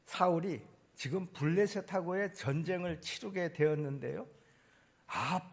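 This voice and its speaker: A man preaches from the pulpit of a church. His voice sits high and rises and falls with energy. The tone carries a gravelly rasp and a husky edge, and he jumps from loud emphasis to quiet, low asides. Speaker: pastor. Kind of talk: sermon. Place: church sanctuary.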